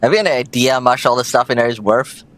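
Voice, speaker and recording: A crude, jolly cyborg in his forties, hungover and boisterous, as a man reads him out. He barks threats and jokes in a rough, plain-pitched voice. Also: quick pace, lightly acted.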